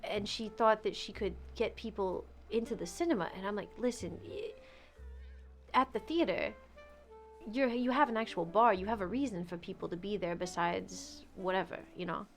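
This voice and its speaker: A woman's voice: mid-range voice, normal speed, soft background music. A woman in casual role-play chat, talking frankly and swearing freely. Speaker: streamer role-playing a theater owner.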